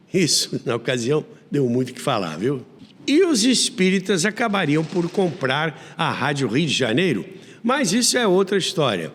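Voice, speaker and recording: A Brazilian man hosts a radio history show, narrating conversationally like a storyteller and adding wry, theatrical asides. His voice is a little high, with a long reverb tail.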